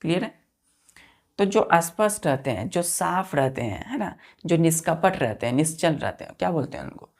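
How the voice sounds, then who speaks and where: A woman teaching a vocabulary lesson, slowly spelling words out letter by letter and often asking her students whether it is clear. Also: low voice, lively intonation. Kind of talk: classroom lesson.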